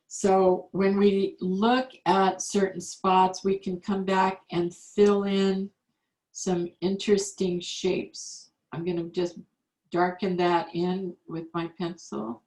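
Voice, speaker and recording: A woman teaching an online calligraphy class, patiently explaining each step as she demonstrates. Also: medium pitch. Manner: slow, patient step-by-step instruction. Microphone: video call. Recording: echoey room on a video call.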